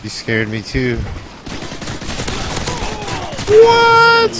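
A man with a low voice commentates casually on his live game stream. He rambles in a laid-back, boastful way. Shooter gunfire and explosions are clearly audible behind him. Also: moderate pace, heavy background noise.

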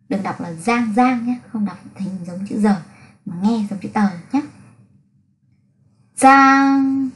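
A woman teaching pronunciation, drilling syllables one by one and explaining clearly. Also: mid-range voice, a little mellow. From Vietnam. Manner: slow, deliberate syllable-by-syllable enunciation.

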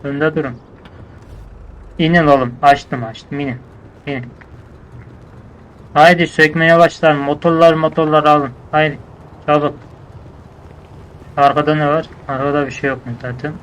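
A man's voice: a little high, little pitch movement, measured pace, pauses often, fairly bright tone, poor audio. A man acting out a casual game roleplay, bossing his crew around in scolding, slangy street talk.

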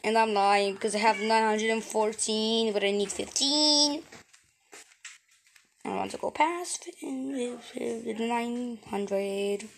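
Young woman, gaming host, slightly high voice, unhurried playful commentary. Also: steady tone, vocal fry, slight background noise. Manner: playful, rambling reactions to gameplay. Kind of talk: casual game commentary.

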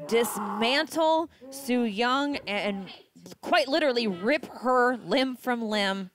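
A woman's voice: fairly high pitch, animated, slow pace. A woman giving colour commentary on a live wrestling match. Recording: clear background noise.

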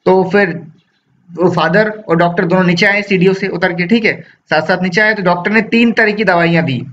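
A man's voice: high voice, normal speed, fairly bright tone. A man with an Indian accent giving a literature lecture, reading English lines from a story and explaining them in Hindi. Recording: dull lo-fi sound with faint noise.

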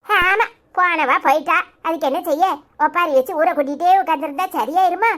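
A woman voicing a grieving, defensive old village grandmother with a Tirunelveli Tamil accent, speaking low and weary in a cartoon. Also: brisk, fairly bright tone. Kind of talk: cartoon voice acting.

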